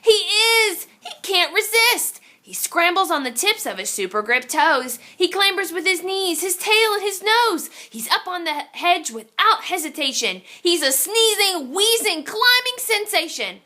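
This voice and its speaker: With a very high voice, big pitch swings and a pushed, bright tone, a woman reads a children's picture book aloud in an unhurried way with few pauses. It's a theatrical, suspenseful read-aloud with long, drawn-out exclamations.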